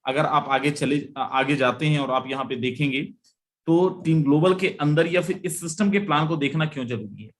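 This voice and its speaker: A man hosts a live webinar at a moderate pace, pushing a forceful, repetitive sales pitch. Every "my friend" comes with a lift in his voice as he reaches out to viewers.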